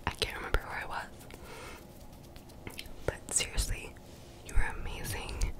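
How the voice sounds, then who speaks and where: Young woman whispering ASMR affirmations. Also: normal speed. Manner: soothing, repetitive, encouraging. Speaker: ASMR video creator. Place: small bedroom, indoors. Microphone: desktop condenser mic, very close.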